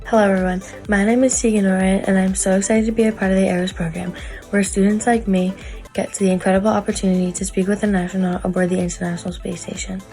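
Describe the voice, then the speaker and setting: A woman's voice: medium pitch, little pitch movement, fast, warm tone, faint music behind. A young female student giving a prepared introduction about herself.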